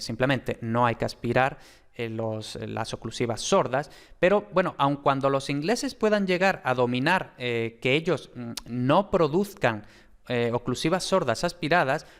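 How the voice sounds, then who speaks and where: Male teacher, explanatory lecturing voice, mid pitch, many fillers and pauses. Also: clean tone. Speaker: phonetics teacher.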